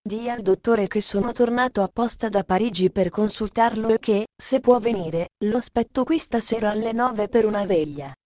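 A woman voicing a firm, commanding wealthy gentleman in a storybook reading. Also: medium pitch, normal speed, few pauses, dry recording, close to an everyday voice.

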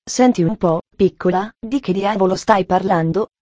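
Woman reading as a gruff, sarcastic bedridden man. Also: medium pitch, normal speed, warm tone, dry recording, dull audio, lightly acted. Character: grumpy bedridden older man. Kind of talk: audiobook dialogue reading.

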